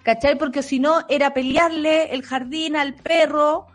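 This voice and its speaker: A woman's voice: high voice, steady tone, unhurried, soft background music. A Chilean woman co-hosting a podcast, telling stories in casual, slangy chat and laughing often. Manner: chatty storyteller, slangy and laughing. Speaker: podcast co-host.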